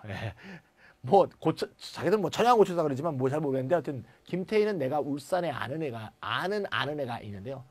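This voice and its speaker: A male lecturer explains grammar with a voice that swings up and down a great deal, sitting a little above the usual pitch for a man. He talks in a chatty, blunt way, full of asides and the odd bit of mild swearing. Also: darkish tone.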